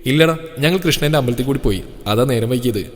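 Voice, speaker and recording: A man voicing a kindly elder-sister woman who chats softly and chides gently. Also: mid-range voice, quick pace, close to an everyday voice. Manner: soft, motherly, chatty. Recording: long reverb with soft music.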